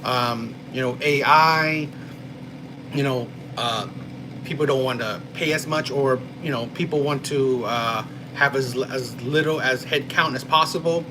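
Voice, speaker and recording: A man's voice: medium pitch, measured pace, noisy background. A man from New Jersey hosting a casual live stream and chatting with viewers, rambling with lots of "right?" and "you know". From New Jersey, USA. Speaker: live-stream host reading chat.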